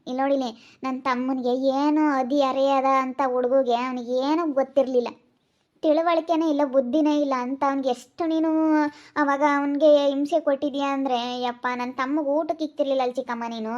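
Young woman as a grieving elder sister, tearful, accusing, high voice, muffled lo-fi sound. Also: steady tone, brisk, darkish tone, close to an everyday voice. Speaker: village family drama actress. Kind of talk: emotional rural family drama.

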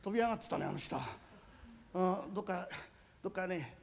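Timid young master hawking wares, a man voicing him, high gravelly voice, rakugo. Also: expressive. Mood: rehearsing. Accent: Edo Tokyo. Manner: muttering to himself, stammering, drawn-out vendor cries. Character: naive disowned young master turned peddler. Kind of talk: rakugo storytelling.

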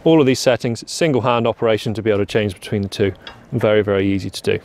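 A man's voice: fairly low pitch, fast, a little mellow. Young man presenting a farm machine. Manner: plain, practical, repeats "very, very". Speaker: product presenter. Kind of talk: product walkaround demo. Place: garden lawn outdoors.

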